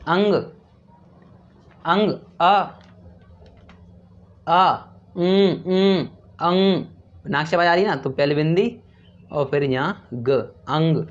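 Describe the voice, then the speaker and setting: A man teaching Hindi spelling, repeating each word slowly and asking and answering his own questions. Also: a little high. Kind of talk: slow classroom explanation. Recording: dull lo-fi recording.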